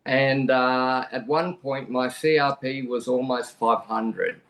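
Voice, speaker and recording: A man's voice: mid-range voice, steady tone, slow, a bit bright. A middle-aged Australian man telling a personal story frankly as a podcast guest, talking plainly and often restarting his sentences. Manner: conversational, frank, plain-spoken with frequent restarts.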